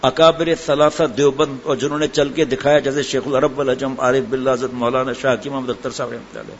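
A man's voice: medium pitch, little pitch movement. A man preaching a sermon and telling humorous anecdotes in a chatty way, full of asides. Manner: conversational storytelling, chatty asides. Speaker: religious preacher. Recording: dull lo-fi with faint background noise.

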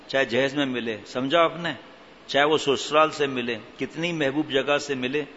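A male preacher telling stories in a sermon, animated and humorous while stressing strict religious rulings. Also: medium pitch, a little hiss or hum. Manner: animated, mixes humour with stern religious rulings. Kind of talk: storytelling sermon. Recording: reverberant hall, dull lo-fi sound.

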